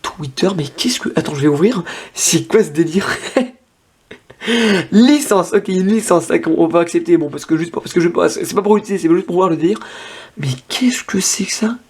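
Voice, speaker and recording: A man's voice: fairly high pitch, fast, few pauses, a little mellow, husky. A young man casually demoing an old tablet on camera, thinking aloud with lots of fillers and restarts. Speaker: tech vlogger. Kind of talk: casual hands-on device demo.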